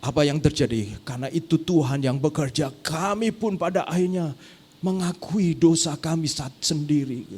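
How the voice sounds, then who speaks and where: High-voiced male pastor preaching a sermon. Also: normal speed, breathy edge. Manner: animated, emphatic preaching with frequent direct address to the congregation.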